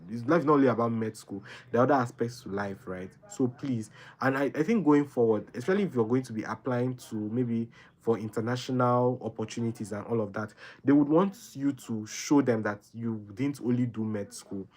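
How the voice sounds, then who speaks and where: Brisk and slightly mellow at medium pitch, this young Nigerian livestream host responds to viewers with sincere, wandering advice. He tends to repeat himself and frequently tags his sentences with "right?".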